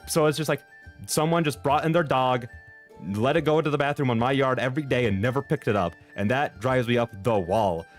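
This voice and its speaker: A man streamer chatting casually in a rambling, expressive way, with exaggerated exasperation. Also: mid-range voice, a little fast. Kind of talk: casual livestream chat. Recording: music playing behind the voice. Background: background music.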